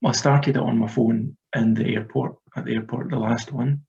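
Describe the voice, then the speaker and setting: In a casual interview chat, a Scottish author in his 30s discusses his writing in a rambling, halting way full of fillers. The voice is mid-range, steady and darkish with some vocal fry, at a normal pace, captured on dull lo-fi audio.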